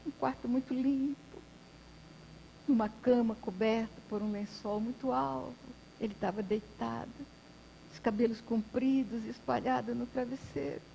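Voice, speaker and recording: A woman's voice: fairly high pitch, creaky, dark tone, slight background noise, low-quality recording. Woman telling a story in a lecture. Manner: intimate, emotional storytelling with hesitations. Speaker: spiritist speaker.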